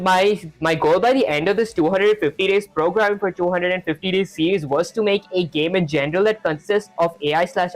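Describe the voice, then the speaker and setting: A young adult man with a high-pitched voice live-streams his programming practice, talking casually and rambling with lots of filler words as he reads chat.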